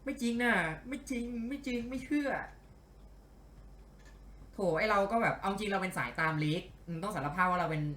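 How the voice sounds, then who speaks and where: A man giving casual let's-play commentary, animated and grumbling and cursing at the game as he plays. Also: fairly high pitch, roomy sound. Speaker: game streamer.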